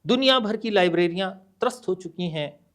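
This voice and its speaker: A middle-aged man, a guest author on a podcast, speaking in a measured, deliberate way and mixing Hindi and English, with hesitant pauses. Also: high voice, animated, fairly bright tone. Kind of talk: podcast interview, reading a poem aloud.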